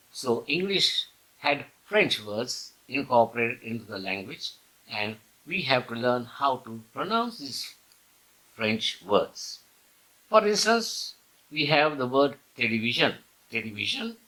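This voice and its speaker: A man teaching an English grammar lesson, explaining slowly and repeating key words, with the odd cough. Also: mid-range voice, pushed and bright, low-quality recording. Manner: occasional coughs and throat clearing.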